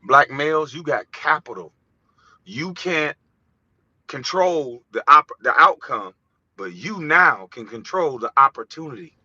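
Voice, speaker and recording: A man's voice: mid-range voice, lively intonation, measured pace, bright, forceful tone, breathy edge, dry recording. A man from the United States delivering an impassioned, profane vlog monologue, heated and preachy. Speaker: vlogger. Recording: dull, dry lo-fi recording.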